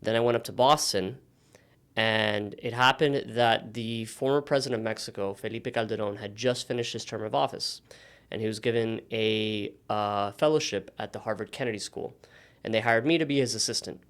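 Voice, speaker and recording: Smooth-voiced man from Miami, native Spanish speaker. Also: fairly low pitch. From Miami, United States. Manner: relaxed storytelling with frequent "um" pauses. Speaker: podcast guest. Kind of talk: casual interview conversation.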